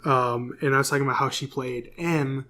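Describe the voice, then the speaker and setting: A man's voice: mid-range voice, steady tone, brisk, pushed and bright. A man co-hosting a podcast, casually reading through corrections with plenty of fillers. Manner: reads corrections from notes, many fillers. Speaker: podcast co-host. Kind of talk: casual chat.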